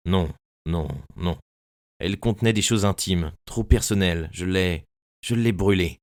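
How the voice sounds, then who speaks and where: A hypnotized young woman, voiced by a man begs and falters, anxious and hesitant. His voice stays deep, and the audiobook sound is dry and close. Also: a little slow, no echo. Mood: anxious pleading. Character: troubled wealthy young woman, hypnotized, pleading.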